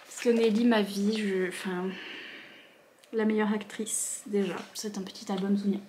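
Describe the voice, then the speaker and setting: A young woman filming a casual book unboxing vlog at home, gushing with quick bursts of excitement and a bubbly, chatty manner. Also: slight background noise. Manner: talks to her dog in a higher voice. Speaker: book vlogger.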